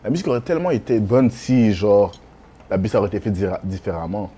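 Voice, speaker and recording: A man's voice: on the low side, fast, breathy edge. A man, a music producer telling his story animatedly in a casual interview. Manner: animated storytelling, acts out his own thoughts.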